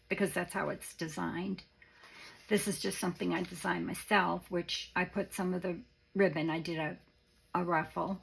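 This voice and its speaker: Raspy, creaky woman crafter, voice giving out. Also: fairly low pitch, a bit bright, a little hiss or hum, low-quality recording. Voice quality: raspy, worn voice. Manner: halting, rambling, informal. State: voice starting to go after illness. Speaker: craft video presenter. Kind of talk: casual show-and-tell of a handmade journal.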